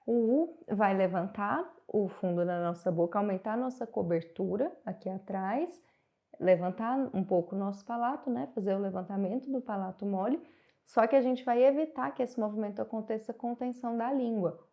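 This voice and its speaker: A woman giving a singing lesson, calmly explaining and guiding vocal exercises. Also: medium pitch, normal speed, lo-fi sound. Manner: calm, guiding, explains then demonstrates. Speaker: singing teacher.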